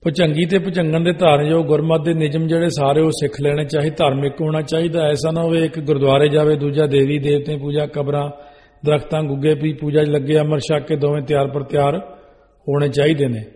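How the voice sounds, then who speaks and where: A man's voice: on the high side, flat delivery, fairly quick, dark tone, big-room sound. A man preaching a religious sermon, laying out rules one by one and reciting scripture verses in a chanting cadence. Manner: instructive, rule-listing delivery. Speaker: Sikh preacher. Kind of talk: religious sermon on wedding rites.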